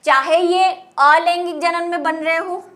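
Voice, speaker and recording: A woman's voice: extremely high pitch, steady tone, unhurried, a bit bright. A woman teaching a biology lecture, explaining terms patiently in Hindi and English. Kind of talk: classroom lecture.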